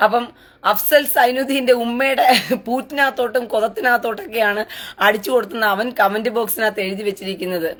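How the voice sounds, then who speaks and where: Taunting woman with a slightly high voice. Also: steady tone, fast talker, a bit bright. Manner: taunting, sarcastic, crude. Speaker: live-stream news commentator. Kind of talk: live-stream commentary reading viewer comments.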